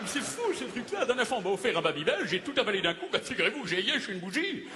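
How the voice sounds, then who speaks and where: A man playing a pompous playwright who declaims with booming bombast, his voice high and swinging wildly in pitch. He sounds from a theatre stage with a long echoey hall reverb, under loud audience laughter and heavy noise. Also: sing-song, fast talker. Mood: grandiose. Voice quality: booming stentorian voice. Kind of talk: stand-up character sketch.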